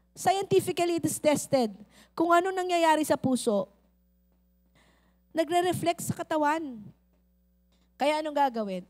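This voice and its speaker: A middle-aged woman pastor with a Filipino accent, preaching a lively sermon that mixes in English, acting out little scenes and calling out to the crowd. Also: high voice.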